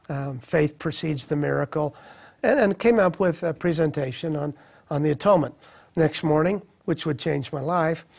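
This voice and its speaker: A middle-aged man shares his personal story in an earnest, reflective way. His voice is gravelly and a little husky, with a slightly higher pitch than most men. He pauses and restarts as he recalls things. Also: darkish tone. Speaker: speaker sharing a personal testimony.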